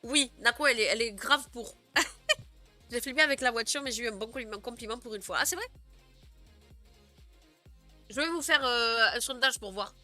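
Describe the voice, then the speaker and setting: A woman's voice: fairly high pitch, normal speed, pauses often, bright, forceful tone, faint music behind. A young woman streamer chatting casually with her viewers, giggling often and filling her talk with "euh" and "genre". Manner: chatty, giggly, many fillers. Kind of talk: casual live stream chat.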